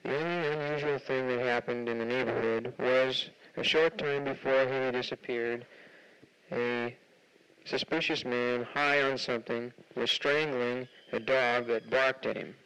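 Man, police detective, old overmodulated dictaphone tape, dictated case notes, matter-of-fact official tone, smooth resonant voice. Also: medium pitch, fairly even intonation, a little slow, fairly bright tone, poor audio. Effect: overmodulated 1970s dictaphone tape recording.

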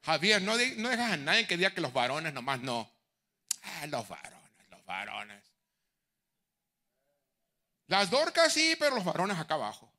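A middle-aged bishop preaches a sermon in a fairly high, bright, forceful voice, speaking fairly quickly with few pauses. His pitch swings widely as he shifts animatedly from hushed near-whispers to loud, shouted exhortations, occasionally slipping in English phrases.

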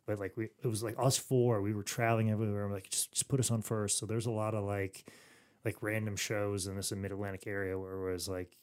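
A man's voice: fairly low pitch, little pitch movement, fast, smooth. Rambling man in casual podcast chat. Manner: rambling, many restarts and fillers. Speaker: podcast host.

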